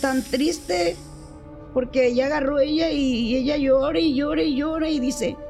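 Older lady telling a story, acts out the people in it, high voice with lots of fry. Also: moderate pace, faint music behind. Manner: animated, acts out the people she quotes. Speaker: storyteller guest. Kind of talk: telling a true story in a chat.

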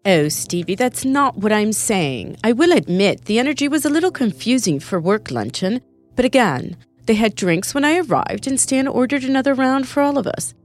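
A woman voicing Haven, a calm, affectionate woman, in a brighter, raised tone within a read-aloud story. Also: on the high side, moderate pace, faint music behind, pitched above the performer's own voice. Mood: calm, reassuring. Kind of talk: storybook character reading.

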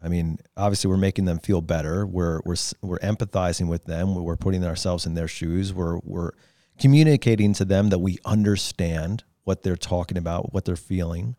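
A man's voice: sits low, moderate pace, dark tone, dry recording, studio quality. A man co-hosting a podcast, posing questions and thinking aloud with restarts. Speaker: podcast co-host. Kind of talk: casual podcast chat.

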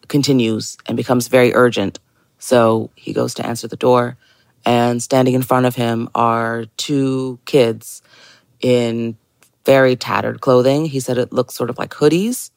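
A woman recounting a spooky legend as a guest storyteller, in a measured, deliberate way. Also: very deep voice, fairly even intonation, vocal fry, dry recording. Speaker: guest listener telling a submitted story.

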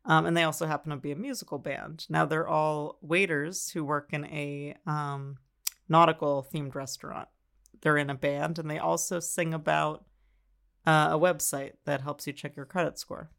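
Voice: medium pitch, level tone, normal speed, vocal fry, a bit bright. A podcast co-host chatting casually and explaining commercials in a dry, matter-of-fact way. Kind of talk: casual chat.

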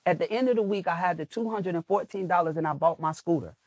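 In a motivational podcast interview, a male guest preaches about creating video content, hammering his points with emphasis and repeated phrases. He speaks in a high voice at a quick pace, with no room sound.

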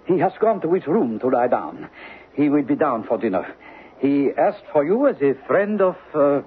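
An obliging European concierge in a vintage radio play. His fairly high voice swoops up and down with formal deference, heard through a tinny old recording. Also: big pitch swings, normal speed, a little hiss or hum. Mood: evasive, deferential. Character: obliging, smooth-mannered European male hotel concierge. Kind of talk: old radio drama acting.

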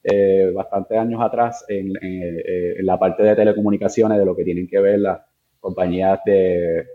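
Over a phone-quality line, a low-voiced man from Puerto Rico talks at normal speed in a level tone. As an interview guest who works in networks and security, he explains technical matters casually in a Puerto Rican accent, pausing hesitantly and slipping in English tech terms.

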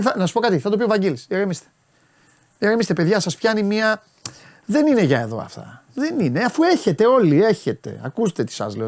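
A man's voice: sits high, darkish tone. A man talking football on a live stream, animatedly answering and scolding viewers' messages.

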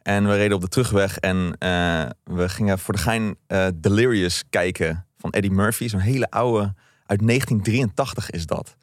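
Low-voiced man chatting casually. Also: moderate pace, dry recording, clean studio sound. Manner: relaxed storytelling, mild swearing. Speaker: podcast co-host. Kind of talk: casual chat.

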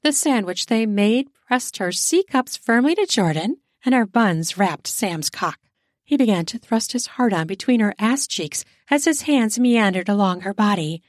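A woman narrating an erotic audio story in a smooth, steady storytelling manner. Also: mid-range voice, moderate pace, no echo, clean studio sound.

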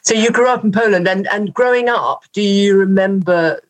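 A woman's voice: medium pitch, normal speed, poor audio. A woman hosting a podcast, asking her guests curious follow-up questions. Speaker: podcast host. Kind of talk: interviewing guests.

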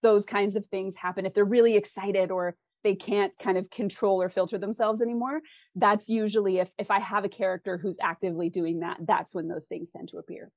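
Being interviewed as a guest author, a woman with a West Coast American accent lays out her thinking articulately and thoughtfully, posing questions often. Her mid-range voice stays steady in tone and moves fairly quickly, with no room sound.

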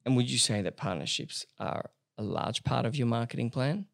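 A podcast host asking eager, quick questions in casual interview chat. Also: medium pitch, lively intonation, creaky.

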